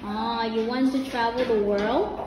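A woman's voice: fairly high pitch, fairly even intonation, unhurried. A woman, an English teacher, interviewing a student for speaking practice and patiently rephrasing her questions. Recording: echoey room with crowd noise.

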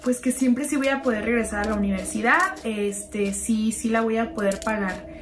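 A woman's voice: fairly high pitch, normal speed, background noise. Chatty young woman telling gossip. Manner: chatty, confiding, keeps calling the listener "sister". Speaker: storytime narrator. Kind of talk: gossipy storytime narration over a slime video.

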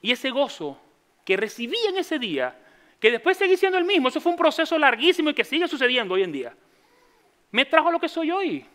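Bright-voiced Venezuelan preacher, animated. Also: male voice, very high-pitched, quick pace. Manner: animated storytelling, acting out quoted voices with humor. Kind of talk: sermon.

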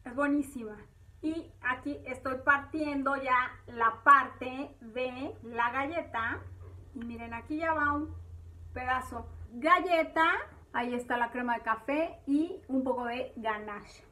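A woman hosts a home cooking tutorial from her kitchen, chatting viewers through every step as a cooking channel host. Her voice sits high and sounds pushed and bright, and she speaks slowly.

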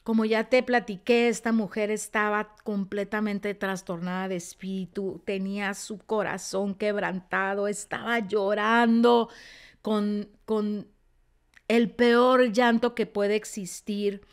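A woman teaching a Bible story, telling it expressively and often dropping to a soft, quiet tone. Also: mid-range voice, flat delivery, slow, smooth. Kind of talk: teaching sermon.

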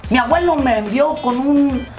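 A man's voice: very high voice, normal speed, roomy sound, soft background music. A man playing a cheeky, swearing rustic villager in his thirties who rambles through his brags in a comedy sketch interview. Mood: boastful. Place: small indoor studio full of toys.

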